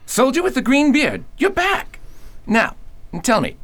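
Genial straw-man monarch, acted by a woman, hugely swooping pitch, formal and exclamatory audio drama style. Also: very animated, measured pace, full character voice. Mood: mildly concerned. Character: genial, unhurried scarecrow king, male. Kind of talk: theatrical audio drama acting.

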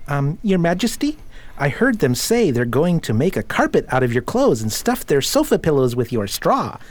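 Husky, a woman acting practical young boy, earnest, animated, audio drama. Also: low voice, normal speed. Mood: concerned.

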